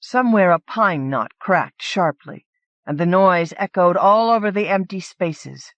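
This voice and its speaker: Literary fantasy fiction is narrated by a woman whose voice sits on the low side and moves a little slowly, with no room sound. It's a scripted audiobook reading captured in a dull, lo-fi cassette transfer.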